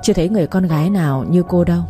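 A woman's voice: lowish voice, rapid-fire, warm tone, soft background music, natural voice. A woman voicing a curt young village man of few words. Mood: terse.

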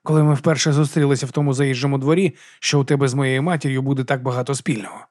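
A man's voice: medium pitch, level tone, rapid-fire, darkish tone, no echo, clean studio sound, lightly acted. A man voicing a sullen young monk who grumbles wearily. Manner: grumbling, weary.

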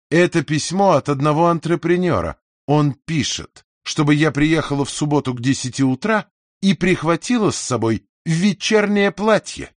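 Touchy old-ish singer lady, huffy and shrill, high bouncy voice, man doing it. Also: dry recording, clean studio sound. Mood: smug. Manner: shrill, huffy, grumbling to herself. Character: aging, down-on-her-luck female singer, proud and touchy. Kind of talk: audiobook character voice.

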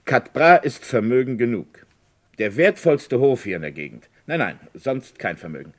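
A man voices a village lawyer in a German radio crime play, his delivery formal, measured, hesitant and subtly insinuating. He sounds defensive and firm, with an expressive, natural mid-range voice.

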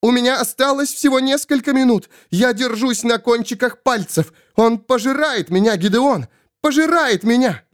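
A man voicing a possessed woman through whom a desperate man's spirit speaks, pleading and screaming in a high strained voice. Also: animated, moderate pace. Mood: frantic. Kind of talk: audiobook character voice.

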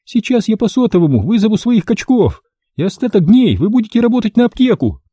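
A man reading an audiobook, voicing a frightened, quick-tempered young woman in a shrill voice. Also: very animated, dark tone, breathy edge, no room sound, clean studio sound, heavily acted. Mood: defiant.

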